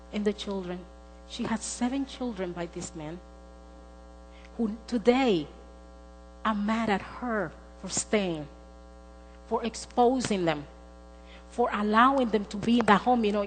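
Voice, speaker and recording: A woman preaching a sermon in a church, emphatic, repeating words for stress as she tells a story. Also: mid-range voice. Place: church sanctuary. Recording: long hall reverb with faint mains hum.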